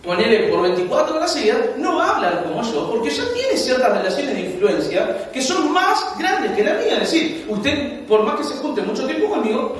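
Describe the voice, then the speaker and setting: A young adult man with a Uruguayan accent preaching a sermon as pastor, telling stories with animated, laughing asides. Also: extremely high pitch, normal speed, slight background noise. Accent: Uruguayan Spanish. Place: church hall. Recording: echoey hall, mic far off.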